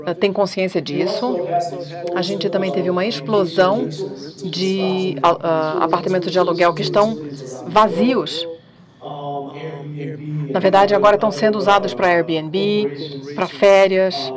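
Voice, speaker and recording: Measured woman giving an academic talk. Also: medium pitch. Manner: measured, pausing with fillers. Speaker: panel speaker.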